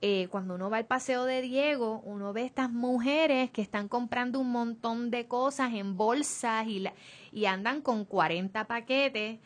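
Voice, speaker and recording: A woman's voice: fairly high pitch, unhurried. A woman from Puerto Rico with a Caribbean Spanish accent, speaking reflectively and hesitantly as an interview guest. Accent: Puerto Rican Caribbean Spanish. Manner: hesitant, anecdotal.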